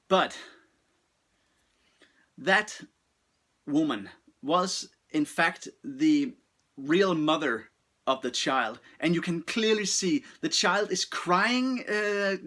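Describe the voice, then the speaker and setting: A man talking through a film review in a bright, clear-toned voice that sits a little high for a man. He speaks off the cuff, stumbling, restarting and filling gaps with ums. His language is blunt and sprinkled with swearing. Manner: halting, many restarts and fillers, blunt swearing. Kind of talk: casual film review talk.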